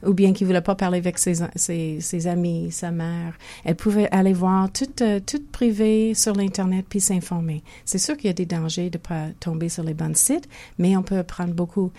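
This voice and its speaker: An older woman with a Québécois French accent, a physiotherapist, is a guest in a conversational interview. Her lowish, warm voice stays steady at a moderate pace with few pauses, though she is thoughtful and often hesitates and restarts her sentences.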